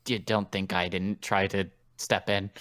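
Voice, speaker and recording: Guy running a tabletop game, bright crisp voice, lots of uh and restarts, dry sound. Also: low voice, level tone, measured pace, no echo. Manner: rambling, many fillers and restarts. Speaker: game master.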